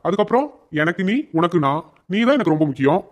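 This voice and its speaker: A man's voice: high-pitched, lively intonation, fast. A man voicing a henpecked young husband in a cartoon comedy, placating and sweet-talking his wife.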